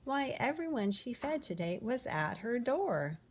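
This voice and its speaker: A woman reading a children's picture book aloud in an expressive, animated way, with dramatic pauses. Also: fairly high pitch, slightly rough. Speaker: storybook reader.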